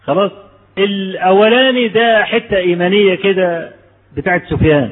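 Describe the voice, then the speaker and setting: A man with an Egyptian Arabic accent delivers a conversational sermon, telling stories and asking his audience rhetorical questions. His high-pitched voice moves a little fast, and the audio sounds narrow and tinny, with a big-room quality.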